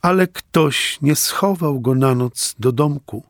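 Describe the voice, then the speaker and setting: A man voicing a calm, gentle detective in a children's story, speaking quietly and knowingly. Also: mid-range voice, slow pace, no echo, studio quality.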